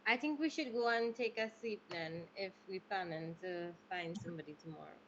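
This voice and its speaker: Lower-voiced woman, a hesitant game player. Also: fairly quick, a bit bright, dull audio, a little hiss or hum. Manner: hesitant, questioning. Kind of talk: tabletop game chat.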